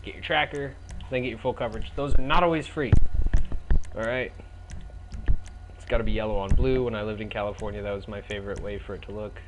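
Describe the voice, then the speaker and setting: A man's voice: fairly low pitch, fairly even intonation, fast talker. A young man giving casual, rambling, slangy and profane commentary while playing a video game. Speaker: gaming commentator. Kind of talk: casual let's play commentary. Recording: clearly noisy, game engine sounds behind.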